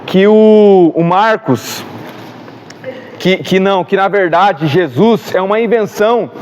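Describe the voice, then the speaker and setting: Brazilian male church teacher, high-pitched, lively storyteller, faint noise. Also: takes it slowly. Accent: Brazilian Portuguese. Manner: animated storyteller, acts out dialogue. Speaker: Bible class teacher.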